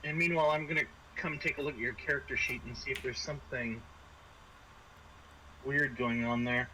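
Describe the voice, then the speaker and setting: A man serving as game master of a tabletop role-playing game explains the rules and narrates what the players do. He speaks at normal speed with a medium pitch and steady tone, and there is faint background noise.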